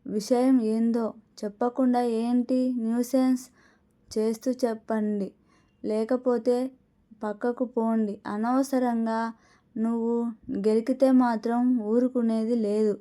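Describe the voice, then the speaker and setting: An angry young woman, as a woman narrator puts her on snaps out a stern warning in a slow, measured way. The voice sits somewhat high yet stays mellow rather than bright. She scolds sharply, like a storybook heroine who has lost her patience. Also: level tone, close to an everyday voice.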